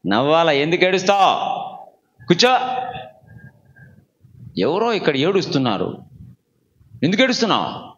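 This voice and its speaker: A man preaching a sermon, quizzing the congregation and having them raise hands. He swings from low asides to shouted calls. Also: sing-song, normal speed, long pauses, muffled recording. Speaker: pastor.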